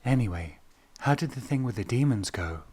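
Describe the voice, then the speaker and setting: A man voicing a weary young woman, speaking low and hushed. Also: animated, moderate pace, slightly rough. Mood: flat.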